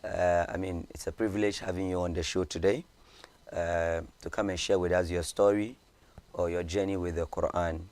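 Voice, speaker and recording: A man hosting an interview, preaching in Hausa before calmly questioning his guest and repeating her answers back. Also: low voice, moderate pace. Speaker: host. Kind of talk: radio interview, opens with Hausa sermon.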